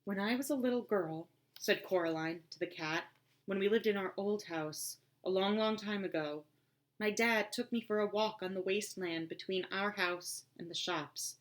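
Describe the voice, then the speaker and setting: A woman's voice: medium pitch, normal speed, close to an everyday voice. A woman voicing a serious young girl who talks earnestly and tries to sound grown-up, in an audiobook reading. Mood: reflective.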